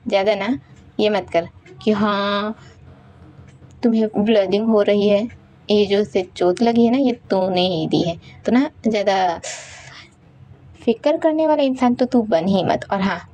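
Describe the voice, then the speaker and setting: A woman voicing a rude, quick-tempered young man who mocks and bosses others in a retold fan story. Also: medium pitch, dark tone, lightly acted. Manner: taunting, bossy retorts.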